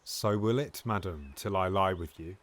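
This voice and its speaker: A man's voice: low-pitched, normal speed. A man playing a scheming, sardonic, silkily seductive duke in a Shakespearean audio drama, theatrical and insinuating. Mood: sly provocation. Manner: theatrical, insinuating, drops into whispers.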